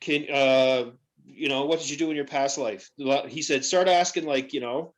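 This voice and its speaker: A man's voice: mid-range voice, moderate pace. A man hosting a podcast, telling stories in a chatty way with lots of fillers. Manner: chatty storyteller, many you-know fillers. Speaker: podcast host. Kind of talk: casual chat.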